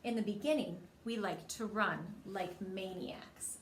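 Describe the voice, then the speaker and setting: In an unhurried, medium-pitched voice, a woman shares a picture book with young children. She performs the dialogue expressively and keeps asking her listeners questions. The recording carries a roomy echo and faint background noise.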